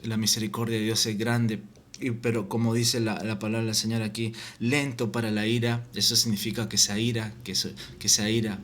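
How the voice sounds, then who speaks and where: A man giving an informal Bible teaching, reading scripture aloud and often halting and repeating words. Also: lowish voice, little pitch movement, a bit bright, slight background noise. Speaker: preacher.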